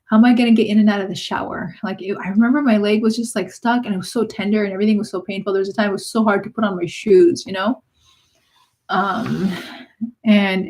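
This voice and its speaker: A woman's voice: mid-range voice, a little mellow. Rambling, chatty woman vlogger. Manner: chatty, rambling, lots of "like" and restarts. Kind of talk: casual personal storytelling.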